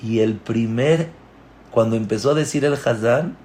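A man, a religious teacher, giving a moralizing sermon and telling a story in a deliberate, storytelling way. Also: mid-range voice, a little mellow, slight background noise.

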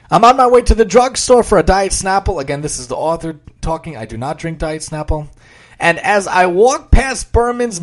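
A man giving a religious talk, telling a story aloud in an expressive, dramatic way. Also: high-pitched. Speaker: religious speaker. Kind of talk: sermon with a story read aloud.

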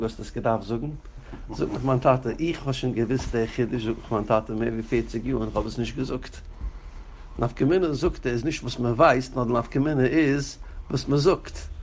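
Gravelly-voiced rabbi teaching a class. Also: male voice, a little hiss or hum. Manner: addresses students directly by name; chants quoted texts in a raised, sing-song pitch. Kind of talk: Torah class lecture.

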